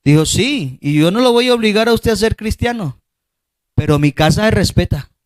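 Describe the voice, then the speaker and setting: A male pastor with a Colombian Spanish accent preaches a passionate sermon in a high-pitched, expressive voice at a normal pace. He rises to shouts and acts out the voices of parents and children, with no room sound on the recording.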